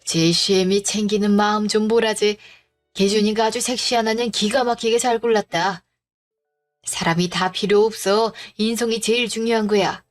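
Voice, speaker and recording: A woman voicing a stern, grumpy older father-in-law who scolds gruffly. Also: medium pitch, fairly even intonation, moderate pace, soft background music, natural voice. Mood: pleased.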